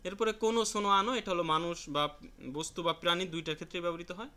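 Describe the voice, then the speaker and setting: A man teaching a language class in a plain, patient way, repeating each word slowly and restarting himself now and then. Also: high-pitched, fairly even intonation, pushed and bright. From Bangladesh. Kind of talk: classroom lesson explaining vocabulary.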